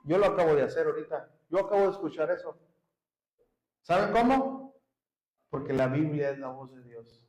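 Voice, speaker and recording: A man's voice: on the high side, fast, few pauses, a little mellow, roomy sound, poor audio. A man with a Mexican Spanish accent preaching a sermon, earnestly addressing his congregation as brothers and rising into emphatic peaks. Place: church hall.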